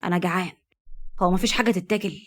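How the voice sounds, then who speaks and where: Woman playing a cold jealous husband, Egyptian accent, deadpan, quick. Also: lowish voice, close to an everyday voice. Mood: cool. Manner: cool, deadpan.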